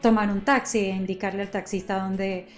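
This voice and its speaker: A woman's voice: mid-range voice, steady tone, fairly quick, soft background music. A woman in a casual conversation, reflectively explaining her ideas at length and asking questions. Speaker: conversation partner.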